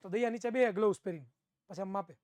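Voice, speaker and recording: A man's voice: sits high, fast talker, a little mellow, no room sound. A male science teacher, giving an online class in a playful way, repeating phrases and acting out students' replies.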